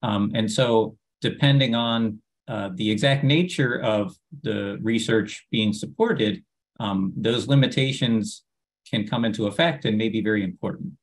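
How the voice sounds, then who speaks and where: A middle-aged man giving measured, formal panel remarks over a video call, with frequent "uh" fillers. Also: fairly low pitch. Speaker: agency official panelist. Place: home office, virtual green backdrop.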